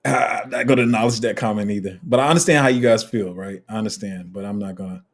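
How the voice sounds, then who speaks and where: A man with a low, slightly husky voice hosts a casual livestream. He reads viewer comments aloud and answers them in a loose, rambling way, full of ums and restarts. His delivery stays relaxed and conversational throughout. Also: quick pace. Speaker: crypto livestream host.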